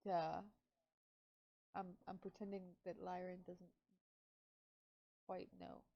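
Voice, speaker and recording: A woman's voice: fairly low pitch, little pitch movement, slow pace, creaky, lo-fi sound. A woman playing a tabletop role-playing game, talking casually as a player.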